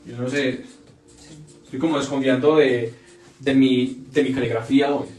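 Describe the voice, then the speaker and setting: A man's voice: mid-range voice, flat delivery, moderate pace, darkish tone, recorded from a distance. A man teaching a live online English grammar class, repeating example words over and over as he explains. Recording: echoey room, off-mic, faint music.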